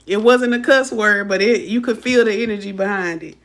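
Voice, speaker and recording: A woman's voice: mid-range voice, fairly quick. A woman tarot reader chatting casually on a live stream, blunt and profane, laughing often and talking straight to her viewers. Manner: talks straight to viewers, addressing them as y'all.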